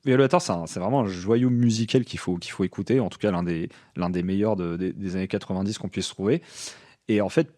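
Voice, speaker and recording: A man with a somewhat low voice, talking casually on a podcast. He speaks with enthusiasm, often restarting his sentences and filling pauses as he goes. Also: a little mellow. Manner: enthusiastic, frequent fillers and restarts. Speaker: podcast co-host. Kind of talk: casual music chat.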